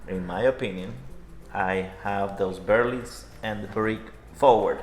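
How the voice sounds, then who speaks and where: A man's voice: on the low side, normal speed. A man co-hosting a product review in casual, conversational chat. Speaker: co-host of a pipe tobacco review. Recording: echoey room, music in the background.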